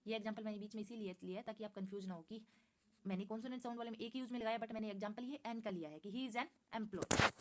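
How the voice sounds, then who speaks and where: A woman walks through a grammar lesson from slides. She repeats each point, answers her own questions and reads the English examples slowly and carefully. Her voice sits at an ordinary middle pitch. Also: a bit bright. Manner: patient, repeats points and asks herself questions. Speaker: English teacher.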